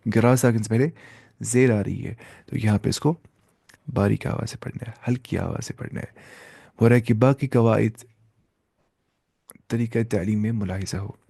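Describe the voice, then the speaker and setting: Man, Quran reading teacher, gravelly voice, dry close sound, quizzes and answers himself, drawls out sounds to demonstrate. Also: fairly low pitch, steady tone, normal speed, pauses often, mellow, dry recording. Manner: asks the class questions and answers them himself. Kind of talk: classroom lesson.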